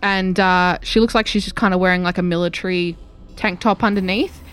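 A woman's voice: fairly low pitch, steady tone, a little fast, a bit bright, clean tone, faint music behind. A woman playing in a tabletop game, describing her character in a chatty, hesitant way, full of likes and sort-ofs. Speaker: player. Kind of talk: casual tabletop play.

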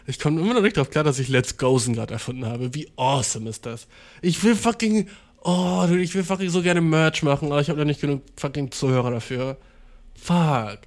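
Young man, podcast host. Rambling, slangy, self-mocking storyteller, slightly high voice. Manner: rambling, slangy, self-mocking, swings between loud outbursts and mumbled asides. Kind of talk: casual storytelling monologue.

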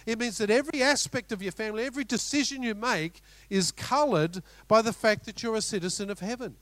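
A middle-aged Australian man preaching a sermon as pastor, animated, with rhetorical questions and storytelling asides. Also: high voice, brisk, dry recording.

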